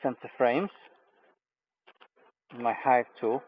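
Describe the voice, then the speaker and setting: A man's voice: medium pitch, takes it slowly, dull audio, noisy background. A man hosting a live beekeeping stream, talking casually with many fillers as he inspects a hive outdoors. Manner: relaxed, hesitant with many fillers. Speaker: beekeeper host. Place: outdoor bee yard. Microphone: camera mic, speaker off frame.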